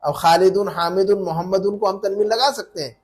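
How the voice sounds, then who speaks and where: A man's voice: high voice, steady tone, brisk, a little hiss or hum. A man teaching a live class, patient, repeating words to drill pronunciation. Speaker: Arabic teacher.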